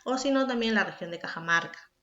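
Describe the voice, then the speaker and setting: A woman's voice: on the high side, expressive, fast talker, bright, forceful tone. A woman from Peru, a secondary school teacher explaining a recorded class and speaking directly to the student with questions. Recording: echoey room, dull lo-fi sound.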